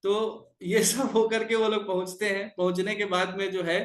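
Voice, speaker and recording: High-voiced man telling devotional stories. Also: normal speed, echoey room. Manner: animated storyteller with frequent hesitation fillers. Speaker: devotional class teacher. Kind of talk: devotional storytelling lecture.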